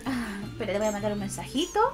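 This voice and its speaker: A woman with a Chilean accent chatting casually on a livestream to her viewers, expressive and affectionate in a cutesy, girlish e-girl manner. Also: mid-range voice, fast. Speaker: VTuber art streamer. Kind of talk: casual livestream chat, reading and answering viewers' comments. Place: indoors at a computer. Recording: music behind the voice.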